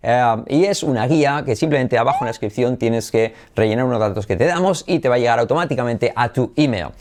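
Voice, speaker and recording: Man, Spanish accent from Spain, English tutor, energetic, repetition drills. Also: mid-range voice, fast talker. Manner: lively, drills phrases over and over, switches between Spanish and English. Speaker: English pronunciation teacher. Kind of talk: upbeat video lesson with repetition drills.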